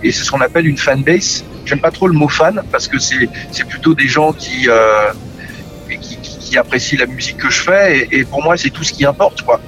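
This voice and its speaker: A man's voice: medium pitch, moderate pace, poor audio. Hesitant man talking over music. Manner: hesitant, repeats words and restarts often. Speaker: musician guest. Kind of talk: relaxed interview talk. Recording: music playing behind the voice.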